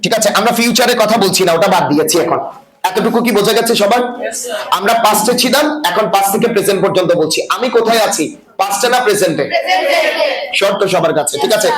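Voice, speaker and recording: A man teaching an English class, lecturing and often asking students whether they follow. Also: sits high. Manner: asks the class frequent check-in questions. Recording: echoey room with class noise.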